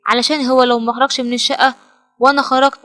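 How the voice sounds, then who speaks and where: A fed-up young woman with a sharp, exasperated edge, speaking Egyptian Arabic, as voiced by a woman narrator. Her voice sits a bit high and moves at a very fast pace. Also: flat delivery. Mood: muttering.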